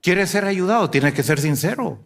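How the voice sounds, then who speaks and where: A man preaching a sermon to a congregation, asking rhetorical questions and swinging between loud and hushed delivery. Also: high voice, expressive, moderate pace, creaky. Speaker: pastor.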